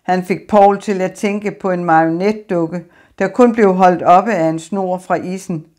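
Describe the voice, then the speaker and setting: A woman reading an audiobook in an even, measured narration. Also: lowish voice. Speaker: audiobook reader. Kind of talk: scripted narration.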